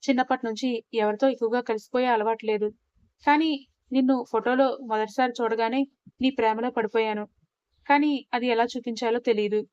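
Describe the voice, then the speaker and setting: A woman voicing a reserved young husband who talks calmly and gently, in a Telugu audio story. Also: fairly high pitch, fairly quick, clear, resonant tone, no room sound, highs cut off, lightly acted. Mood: tender. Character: quiet young husband, reserved but loving.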